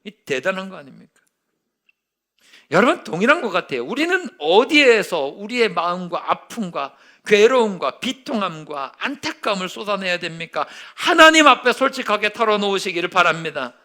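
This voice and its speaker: A male pastor preaching a sermon, telling a story and acting out its quotes, dropping to a hush and rising loud again. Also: sits high, very animated, normal speed. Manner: storytelling with acted-out quotes, swinging from hushed to loud.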